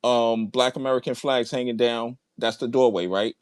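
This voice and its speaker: In a large room at home, a debate participant repeats his points with force and profanity during a heated online argument. His voice is smooth and medium-pitched, fairly even in intonation, at a normal speed, with a dry recording.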